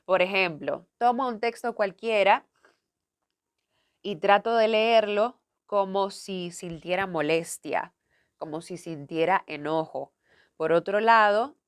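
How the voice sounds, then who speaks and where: A woman university lecturer giving a recorded lesson on voice and diction, explaining step by step and speaking directly to her students. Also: mid-range voice. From Dominican Republic. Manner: clear, didactic, addresses students directly.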